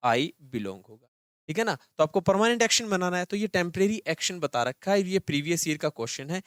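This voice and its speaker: Male grammar teacher, young, quick delivery, slightly high voice, dry close sound. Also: expressive, clear, resonant tone, no echo. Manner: fast-talking, repeats questions back to students. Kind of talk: live online class lecture.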